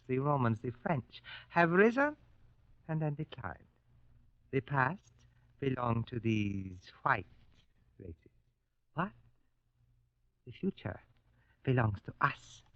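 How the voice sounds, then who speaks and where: An actor playing a polite, arrogant colonel in a grave 1940s radio war drama, speaking formally and condescendingly. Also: male voice, medium pitch, dry recording. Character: suave, arrogant Japanese colonel, polite captor. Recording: muffled old 1940s radio recording.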